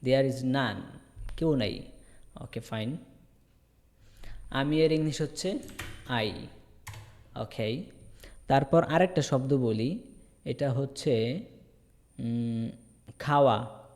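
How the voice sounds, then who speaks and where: A man's voice: medium pitch, drawn-out words, long pauses, darkish tone. Patient male teacher drilling words, reverberant. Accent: Bangladeshi. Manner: repetitive drilling, asks and answers himself. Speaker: English teacher. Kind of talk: online spoken English class. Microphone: video call.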